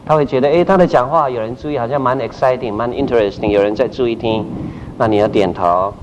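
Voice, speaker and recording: Middle-aged male pastor, animated teacher who acts out his examples, muffled lo-fi audio with loud noise behind. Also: medium pitch, quick pace. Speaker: pastor teaching group leaders. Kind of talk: church training talk. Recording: dull recording with loud background noise.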